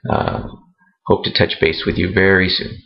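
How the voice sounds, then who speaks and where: A man talking casually to his readers in a vlog, halting and rambling with many fillers and restarts. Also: low voice, level tone, creaky, highs cut off. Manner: self-conscious about speaking on camera. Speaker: author vlogging to readers.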